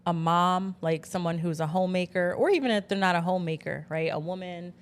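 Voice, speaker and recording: A woman's voice: fairly low pitch, fairly quick, clear, resonant tone. Woman co-hosting a chatty podcast. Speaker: podcast co-host. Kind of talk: casual chat.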